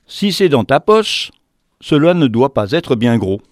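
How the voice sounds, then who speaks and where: A tiny, excitable female blue tit chirps her lines in a high, lilting voice, as a male storyteller puts her on. Her delight bubbles up from phrase to phrase. The sound is close and dry, like a storybook reading. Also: a little slow, no room sound. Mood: sly.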